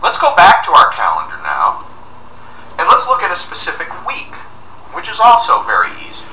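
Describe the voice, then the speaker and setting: Man explaining software steps, bright and roomy. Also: fairly high pitch, wildly swooping pitch, normal speed. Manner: upbeat, step-by-step explaining. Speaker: software tutorial presenter. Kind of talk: screencast walkthrough narration. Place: office room indoors, at a desk. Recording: roomy, distant mic with faint noise.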